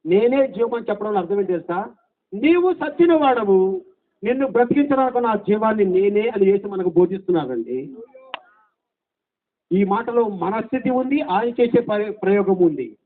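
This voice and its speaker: A man preaching a gospel sermon, with many rhetorical questions and shouts of hallelujah, now loud and now soft. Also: high voice, lively intonation, moderate pace. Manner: emphatic, swings between loud and soft delivery. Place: gospel meeting. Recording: tinny phone-like sound.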